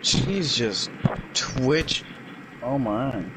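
A man playing a horror game as a scared streamer, excitable and swearing in casual banter. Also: a little high, slow pace, heavy background noise. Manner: frightened, excitable, profane.

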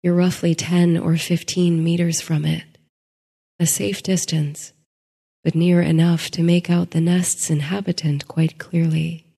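A woman narrating a sleep story in a soft, hushed voice that slips into whispers. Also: fairly low pitch, level tone, unhurried, gravelly, breathy edge, big-room sound.

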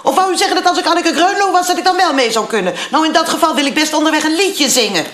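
A woman's voice: high voice, lively intonation, fast talker, a bit bright, reverberant. An actress playing a bossy, vain female director in a sitcom, haughty in tone. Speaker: sitcom character. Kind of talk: sitcom acting.

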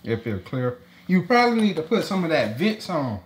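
A woman filming a casual family vlog, chatty and quick to laugh. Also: sits low, big pitch swings, a little hiss or hum. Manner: laughs often, informal Southern-style slang. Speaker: vlogger.

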